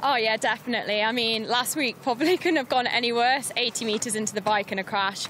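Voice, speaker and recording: A woman's voice: a little high, brisk, a bit bright, slight background noise. A woman triathlete answering post-race questions outdoors in a cheerful, laughing way.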